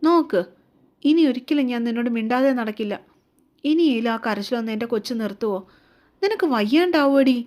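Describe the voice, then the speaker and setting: A woman voicing a young man who gently comforts his crying beloved in a soft, coaxing voice, in a romance audio story. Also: on the high side, lively intonation, fairly quick, long pauses, natural voice. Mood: tender. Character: young man, tender and protective lover.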